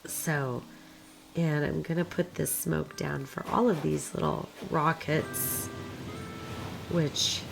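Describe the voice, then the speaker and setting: Woman with a hoarse smoker's rasp. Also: sits low, fairly even intonation, slow, music in the background, rough recording. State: hoarse from a recent illness. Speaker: video creator narrating game footage. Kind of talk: casual gameplay commentary.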